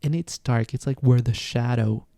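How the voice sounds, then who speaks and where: A man whose native language is Spanish, with a Venezuelan accent, hosts a casual solo podcast about astrology, speaking reflectively and frequently searching for words. He has a warm, medium-pitched voice with vocal fry, a moderate pace and no room sound.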